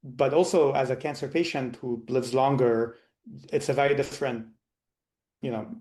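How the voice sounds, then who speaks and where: A man's voice: mid-range voice, fairly even intonation, moderate pace, darkish tone. A man in his thirties, born and raised in Lebanon, answering interview questions as a physician guest in a thoughtful way with many restarts. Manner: thoughtful, frequent restarts and repeated words.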